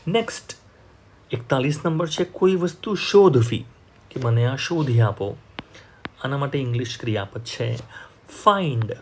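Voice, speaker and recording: Slow Gujarati man teaching English words. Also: mid-range voice, lively intonation, darkish tone, a little hiss or hum. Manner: slow, repeats each English word and example sentence carefully. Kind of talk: teaching vocabulary.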